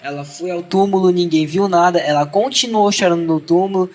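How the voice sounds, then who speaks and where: A man's voice: sits high, a little fast, darkish tone. A teenage boy with a Brazilian Portuguese accent giving an earnest youth devotional, reading a Bible passage and then talking casually to his peers. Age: teens. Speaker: youth church speaker.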